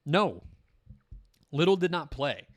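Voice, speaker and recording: A man's voice: a little high, big pitch swings, slow, no echo. A young man hosting a basketball podcast, talking casually and self-deprecatingly with frequent fillers and restarts. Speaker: podcast host covering a basketball team. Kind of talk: casual solo podcast commentary.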